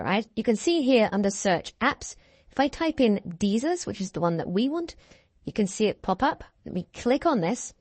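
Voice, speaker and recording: A female course instructor narrates a screen share step by step, sounding upbeat and reassuring. Her mid-range voice is a little mellow, and the recording is dry and close.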